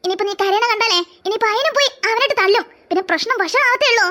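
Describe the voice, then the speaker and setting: A woman's voice: very high-pitched, very fast, pushed and bright. A woman voicing young college friends in a cartoon, comforting and scolding each other. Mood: scolding gently. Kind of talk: Malayalam cartoon voice acting.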